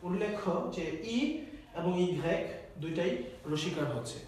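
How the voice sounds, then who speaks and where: A high-voiced man teaches a live online language lesson, asking questions and then answering them himself. His voice rings with strong echo, as though the mic sits some way off in a bare room, with faint noise under it. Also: normal speed, darkish tone. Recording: echoey, distant, faint noise.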